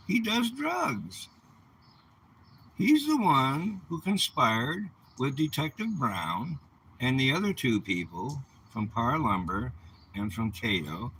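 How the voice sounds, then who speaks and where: A vlogger in his seventies delivers an aggrieved personal monologue, indignant and emphatic, full of rhetorical questions. His medium-pitched voice is bright and forceful. The recording is rough, with a little hiss or hum.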